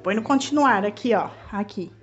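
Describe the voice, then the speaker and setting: A Brazilian woman vlogging at home, cheering a child on through a video game and shouting encouragement, her throat sore from yelling. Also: mid-range voice, expressive, normal speed, highs cut off, faint music behind. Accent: Brazilian Portuguese. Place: home living room.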